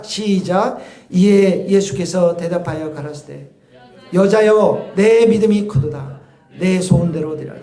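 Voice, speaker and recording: A male pastor preaching a sermon with impassioned, shouted peaks. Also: sits high, reverberant. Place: church.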